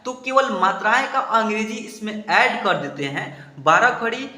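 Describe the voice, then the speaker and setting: A man from India teaching a spelling lesson, slowly spelling out syllables and explaining patiently. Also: high-pitched, animated, pushed and bright, roomy sound. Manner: slow repeated spelling-out, explanatory.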